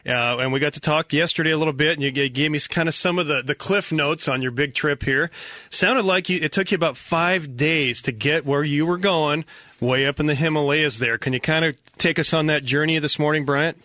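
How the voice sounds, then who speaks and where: A man's voice: on the high side, brisk, pushed and bright, no room sound. A man co-hosting a radio show who asks the guest long, rambling questions in a casual way.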